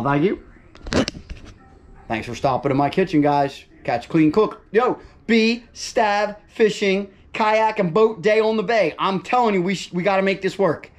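Upbeat middle-aged man cooking on camera. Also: sits high. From New Jersey. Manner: chatty, upbeat, talks to viewers directly. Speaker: fishing vlogger. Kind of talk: casual cooking vlog.

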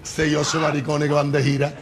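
A male comedian with an Andalusian accent rattles off jokes at a very quick pace in a slightly high voice. His telling is playful and colloquial. The old cassette has clear tape hiss. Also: monotone. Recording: hissy 1980 cassette tape.

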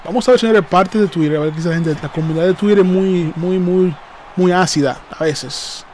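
A man hosting a live reaction stream, excitable and hyped, repeating phrases and calling out to his viewers. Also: high voice, brisk, a little hiss or hum.

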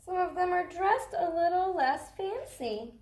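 A woman in her thirties gives an expressive picture-book reading to young children from inside a cardboard fort, stopping for simple questions. Her pitch is extremely high with lively intonation, a measured pace and a darkish tone, all in a reverberant space.

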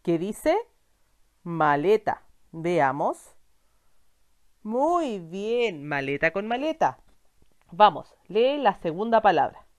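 Woman teacher, slow and patient with a lively, sing-song voice for a children's reading lesson. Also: mid-range voice. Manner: slow, patient, encouraging, asks and answers her own questions.

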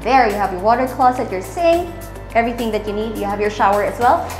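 A woman's voice: a little high, quick pace, soft background music. A young woman from the Philippines hosting a real estate house tour, walking through rooms and talking upbeat and salesy to her viewers. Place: large empty townhouse interior, indoors. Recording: roomy echo from bare rooms.

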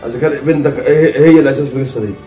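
A man's voice: medium pitch, fairly even intonation, rapid-fire, mellow, lightly acted. A man with an Egyptian Arabic accent playing a scheming nephew who coaxes and then brushes off his uncle, in an amateur drama skit. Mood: dismissive. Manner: coaxing then dismissive. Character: scheming young nephew, smooth-talking swindler. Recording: echoey room, mic far off, faint music.

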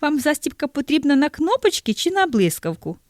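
A woman's voice: sing-song, brisk, dry recording, clean studio sound. A woman voicing an overly polite, smiling male shop assistant, speaking in a sugary, courteous way. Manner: sugary and courteous, higher pitched.

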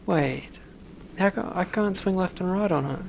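A man commentating gameplay, swearing constantly and shouting at sudden deaths in a noisy home recording. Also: high voice, moderate pace, creaky. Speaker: let's play gamer.

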